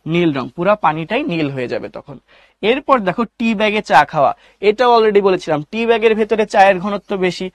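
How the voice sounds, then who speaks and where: A man's voice: high-pitched, animated, normal speed, no echo. A young man with a Bangladeshi Bengali accent teaching an online class, who asks his own questions and answers them, mixes in English words and replies to student comments.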